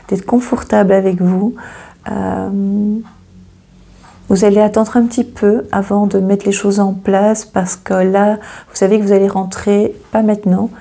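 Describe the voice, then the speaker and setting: A woman talks through an astrology reading in a low, husky, gravelly voice with a dark, mellow tone. Her delivery is fairly flat and hesitant, full of fillers and repeated words. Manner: hesitant, many fillers and repeats, gently reassuring. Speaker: astrology channel host. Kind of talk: casual astrology reading to camera.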